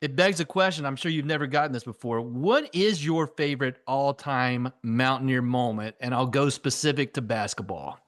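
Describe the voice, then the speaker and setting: A man hosting a sports podcast, talking excitedly in a rambling, self-interrupting way and laughing often. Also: mid-range voice, normal speed, hardly any pauses, no room sound, clean studio sound. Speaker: podcast host. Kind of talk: excited casual sports talk.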